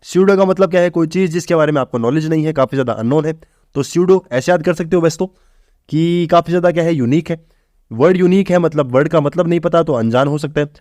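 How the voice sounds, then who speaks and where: This exam-prep vocabulary lesson comes from a man whose voice sits fairly high with a darkish tone, recorded in a studio with no room sound. His style is informal and methodical: he poses questions, answers them himself, and addresses his listeners as "bhai."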